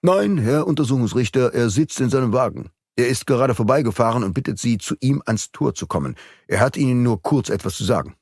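A cold, mocking villain from an audiobook, put on by a male reader, spitting out clipped, pressing syllables. The voice climbs and falls with lively swings. The sound is dry and close. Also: medium pitch, fairly quick, slightly rough, no echo, voice pushed up. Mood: polite. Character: menacing, mocking male court clerk villain with a revolver.

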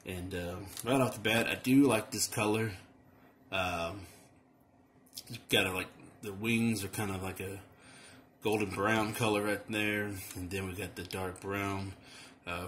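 A man with a very low voice talks through a toy unboxing at home. He rambles easily, filling pauses with "uh" and "um" and restarting his sentences. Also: a little hiss or hum. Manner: relaxed, rambling, many fillers and restarts. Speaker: toy reviewer. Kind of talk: casual unboxing review.

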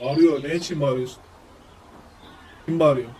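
A man streaming a game, commenting casually with wry asides that turn loud and excited. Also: fairly high pitch, normal speed, noisy background. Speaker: gameplay streamer. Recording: game music playing behind.

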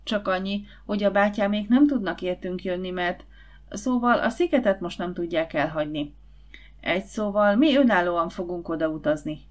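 A woman's voice: on the low side, natural voice. A woman narrator voicing a confident, eager schoolboy who leads his friends in a storybook. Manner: lively, confident, persuasive.

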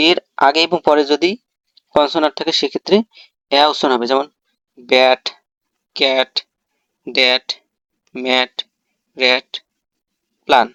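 A man's voice: medium pitch, a bit bright, no room sound, lo-fi sound. A man giving a pronunciation lesson, explaining rules step by step and putting questions to himself and then answering them. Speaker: English teacher. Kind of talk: spoken English pronunciation lesson.

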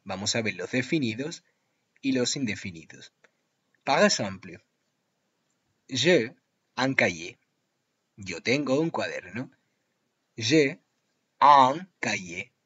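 Slow, husky man teaching French. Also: fairly low pitch, fairly bright tone, dull audio. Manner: slow, drawn-out model pronunciations with repetition. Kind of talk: language lesson.

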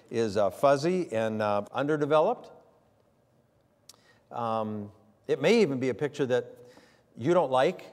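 An older man, preaching a sermon in a folksy storytelling way. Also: medium pitch. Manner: folksy storytelling with many fillers. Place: church sanctuary. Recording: long hall reverb in a church.

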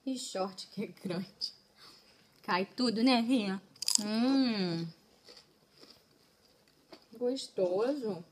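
A woman's voice: mid-range voice, very slow, long pauses, slight background noise. A young mother, chatting in coaxing, sing-song baby talk to her toddler at the table during a home video.

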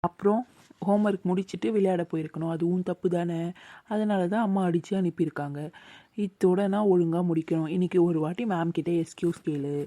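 A woman's voice: on the low side, steady tone, brisk, dark tone, no room sound, natural voice. A woman voicing a kind man who coaxes and reassures a crying boy in a cartoon. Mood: coaxing. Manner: coaxing, reassuring.

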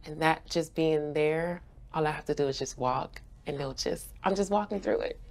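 Seated in an indoor studio, this young adult guest, a brand ambassador born in Haiti and raised in Florida, answers interview questions with bubbly energy and frequent laughter. She speaks at a normal speed in a low-sitting, creaky voice that's a little mellow.

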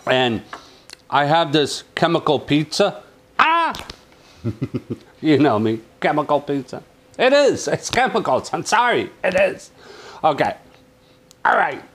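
A man reviewing a kitchen oven in a home kitchen, chatting excitedly with viewers. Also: on the high side, a little slow, pauses often. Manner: exuberant, chatty, calls viewers "my friends" and "baby". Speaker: cooking appliance reviewer. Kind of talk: casual cooking review.

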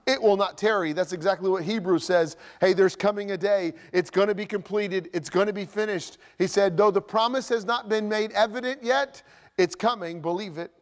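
A pastor preaching a sermon with lively, animated delivery, acting out everyday grumpy exchanges as examples. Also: male voice, high voice, moderate pace, in a large hall. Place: church sanctuary.

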